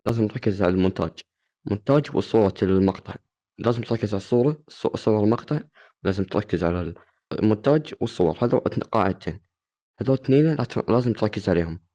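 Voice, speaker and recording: Fast-talking man, low dark voice. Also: animated. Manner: teasing, playfully insulting. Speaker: gaming channel host. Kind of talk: casual joking tutorial.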